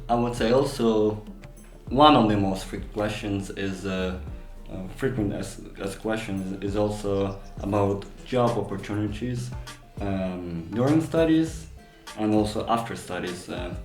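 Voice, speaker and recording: A man's voice: lowish voice, darkish tone. A man interviewing someone, asking long questions in a hesitant, wordy and roundabout way. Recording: roomy echo, music behind.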